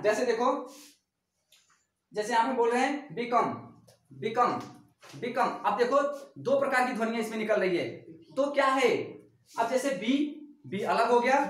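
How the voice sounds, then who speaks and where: Echoey woman teacher explaining grammar. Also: a little high. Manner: repetitive, asks rhetorical check-questions. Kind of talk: classroom grammar lesson. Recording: echoey room, voice far from mic.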